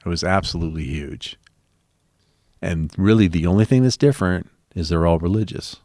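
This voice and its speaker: Very deep-voiced man telling his story. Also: brisk, a little mellow, no room sound, studio quality. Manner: rambling storyteller with many ums, acting out quoted exchanges. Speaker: interviewee. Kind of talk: personal story in an interview.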